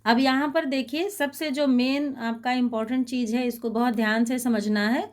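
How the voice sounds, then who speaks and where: A woman teaching a Sanskrit lesson to schoolchildren. She is patient and spells out words slowly, repeating them. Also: fairly high pitch, steady tone. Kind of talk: slow explanatory lesson for schoolchildren.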